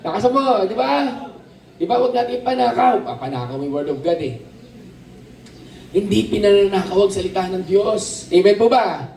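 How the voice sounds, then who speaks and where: A man preaching a lively sermon at a camp, asking the crowd questions and calling for amens. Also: high voice, a little hiss or hum. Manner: animated, asks the crowd questions, calls for amens. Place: outdoor camp. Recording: roomy, distant outdoor sermon recording with faint ambience.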